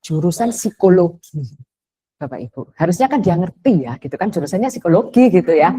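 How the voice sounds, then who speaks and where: A woman's voice: fairly low pitch, sing-song, a little fast, dark tone, breathy edge. A woman, giving a chatty parenting talk and slipping into English phrases. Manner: chatty, mixes English phrases, acts out quotes. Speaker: parenting educator.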